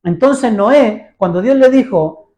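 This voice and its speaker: A man's voice: very high-pitched, animated, slow pace, darkish tone. A man preaching a sermon in a church. He speaks conversationally, keeps asking his listeners questions and acts out the voices of the people in his stories. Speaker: pastor.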